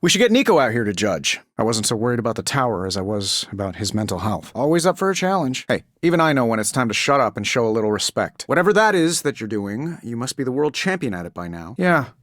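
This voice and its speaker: A man playing a cocky, quick-witted billionaire inventor superhero in a video game, with a glib, sardonic, wisecracking delivery. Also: medium pitch, very animated, a bit bright, no echo, clean studio sound. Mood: glib, confident. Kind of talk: scripted video game voice lines.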